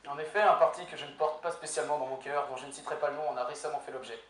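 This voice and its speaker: A young man, a law student, giving a prepared humorous speech in an eloquence contest, with deadpan, ironic punchlines. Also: on the high side, very fast. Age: young adult. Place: university lecture hall with audience. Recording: echoey hall, far from mic, faint noise.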